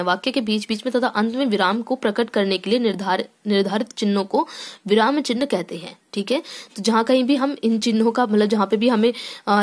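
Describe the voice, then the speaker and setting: A female teacher explains a lesson in a slightly higher voice than most. She goes point by point, pauses often to check that students are following, and reads textbook lines aloud before breaking them down. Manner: explains step by step with frequent "theek hai" check-ins and restarts.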